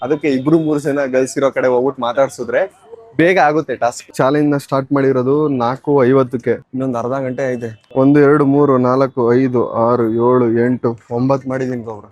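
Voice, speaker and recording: A street-challenge vlogger talks casually to his camera and to strangers he politely stops on an outdoor shopping street. His mid-range voice is flat and darkish at a moderate pace, with no room sound.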